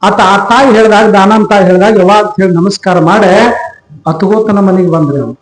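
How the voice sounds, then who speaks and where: High-voiced storyteller. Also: male voice, a little fast. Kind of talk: devotional storytelling. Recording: echoey room.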